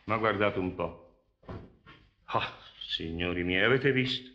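An actor playing a sly, hearty soldier and false friend, in theatrical period film style. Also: male voice, deep voice, measured pace, background noise. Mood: feigned concern. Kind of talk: theatrical Shakespearean film acting in Italian. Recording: dull old film soundtrack.

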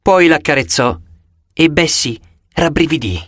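A man reading a first-person audiobook in an expressive, theatrical way. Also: a little high, a little slow, dry recording, studio quality. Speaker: audiobook narrator. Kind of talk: first-person scripted narration.

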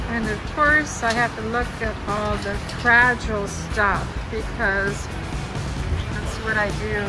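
A woman hosts a relaxed shop-along vlog in a large indoor warehouse-style thrift store, thinking aloud as she browses for resale finds. Her mid-range voice is slow with fairly even intonation. She is filmed on a handheld phone at the shelves, over loud music and with poor audio.

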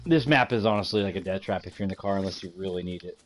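A man's voice: sits low, very fast. A young man chatting casually over a headset mic while gaming, laughing often and swearing casually. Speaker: gamer in party chat.

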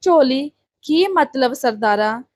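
A fair-minded village husband who reasons calmly and firmly. A woman reads him in her own high voice. The recording is close and dry. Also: slow, no room sound, full character voice. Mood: reasoning. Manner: reasoning, stern when needed.

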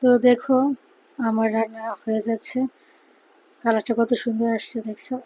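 A woman with a Bangladeshi Bengali accent, talking quietly and tiredly in a casual cooking vlog voice-over, keeping her voice low so she won't wake a sleeping child. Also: little pitch movement, moderate pace, low-quality recording. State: tired after a sleepless night. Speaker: vlogger, mother cooking for her daughter.

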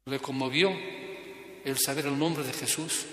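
A Spanish priest giving a sermon, telling a story and acting out its dialogue with feeling. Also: male voice, mid-range voice, fairly even intonation, measured pace, fairly bright tone, echoey room, in a large hall.

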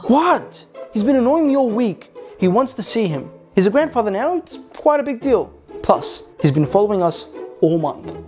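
A man playing a new father who keeps making quick, defensive excuses. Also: high voice, big pitch swings, a little mellow, soft background music. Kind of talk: comedy short film acting.

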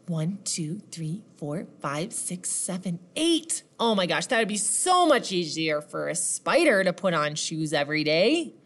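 A woman reading a picture book aloud to children like a teacher, animated, asking questions and counting along. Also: lowish voice, measured pace, few pauses.

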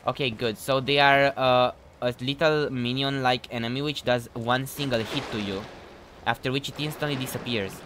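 A man's voice: medium pitch, fairly even intonation, normal speed, a bit bright. Chatty young man narrating his gameplay, noisy mic. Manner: chatty, self-mocking, reads in-game notes aloud. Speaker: gameplay commentator. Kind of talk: let's play commentary.

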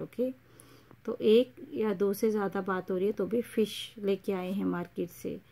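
A woman gives a slow, patient lesson. Her voice is mellow and a little dark, and she repeats each example before moving on. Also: mid-range voice, gravelly. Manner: patient, repeats each example, mixes English words into Hindi. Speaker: English teacher. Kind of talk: explaining English grammar in Hindi.

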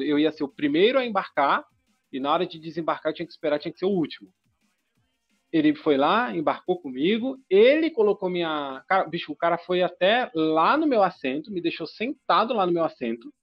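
A man telling a long personal story in a casual, animated and profane way, talking in short bursts. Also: fairly high pitch. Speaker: podcast guest telling a story. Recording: dull lo-fi sound with faint music.

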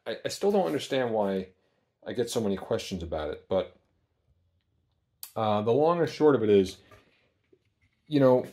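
This man's voice is fairly low and dark, very animated, at normal speed with long pauses. He builds amplifiers and is casually demonstrating equipment in his small workshop, speaking off camera in a plain-spoken style peppered with ums.

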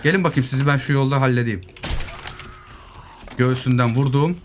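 At normal speed and in a mid-range voice, a young man from Turkey, a gaming YouTuber, offers casual solo gameplay commentary. He stays lively, bantering with zombies and muttering as he loots. Keyboard clicks and faint noise run in the background.

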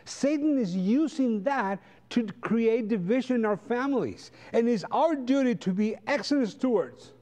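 With a very high, mellow voice, he talks at a normal speed, animated and barely pausing. He's a middle-aged Sabbath school teacher from Costa Rica whose first language is Spanish, and his accent shows it. Addressing a congregation from in front of the pews in a large sanctuary, he teaches conversationally and leans on rhetorical questions.

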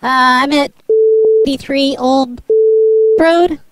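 A man using a voice changer to sound like a woman, playing a fussy dry-cleaning customer in a prank call. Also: takes it slowly. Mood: demanding. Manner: prank caller, demanding and impatient. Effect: voice changer shifting his voice high. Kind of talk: prank call on a comedy show. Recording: voice changer output with clear noise.

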